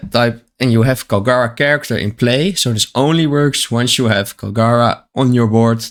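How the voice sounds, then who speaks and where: A man with the hiccups, reading card text aloud and explaining it plainly in a casual card-by-card deck walkthrough. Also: medium pitch. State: has the hiccups.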